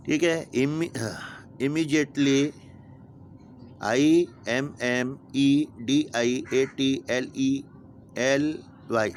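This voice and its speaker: A man's voice: medium pitch, a little hiss or hum. A man teaching a vocabulary lesson to young pupils, patiently spelling each word letter by letter and giving its meaning. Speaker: school teacher.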